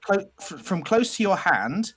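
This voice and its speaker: A man's voice: sits high, sing-song, fairly bright tone. A man casually talking a teammate through wiring a small robot over a video call, stopping and restarting as he explains. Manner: halting, restarts often while explaining. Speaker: robot builder guiding a teammate.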